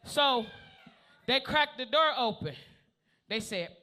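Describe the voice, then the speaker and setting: High, bright-voiced man doing stand-up. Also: expressive, takes it slowly. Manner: loud, profane, keeps calling out to the audience. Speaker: stand-up comedian. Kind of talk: stand-up comedy set.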